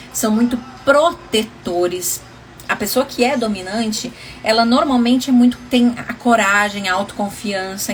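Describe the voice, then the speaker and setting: A woman relationship coach giving casual advice on a livestream, chatty and often laughing, calling viewers endearing names. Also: fairly high pitch.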